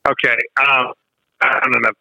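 A man calling into a radio show from the road, his phone line breaking up as he talks in halting, broken-off phrases. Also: mid-range voice, flat delivery, creaky, bright, forceful tone, no room sound. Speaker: caller. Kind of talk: call-in radio chat. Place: driving over hilly ground.

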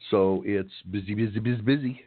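A man's voice: on the low side, fairly quick, slightly rough, no echo. A middle-aged man co-hosting a trucking call-in radio show, chatting casually in a rambling, joking, folksy way. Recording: dry, tinny phone-line sound.

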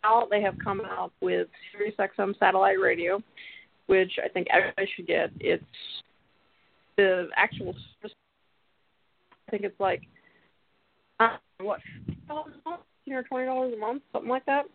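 A man chats loosely through a bluetooth headset mic on a phone line, the sound thin and boxy with no room around it. His voice sits high for a man and carries a gravelly edge. He rambles along with lots of fillers. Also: normal speed, long pauses, dry recording. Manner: rambling, relaxed, filler-heavy. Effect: bluetooth headset mic over a phone line, cutting out. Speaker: radio show host. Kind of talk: casual talk show chat. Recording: tinny dry phone line.

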